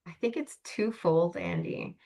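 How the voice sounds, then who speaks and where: A woman's voice: lowish voice, wildly swooping pitch, unhurried, mellow. A woman from Canada, a life coach, speaking as a guest on an interview podcast in an earnest, reflective way with frequent fillers. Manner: reflective, earnest, many "you know" fillers.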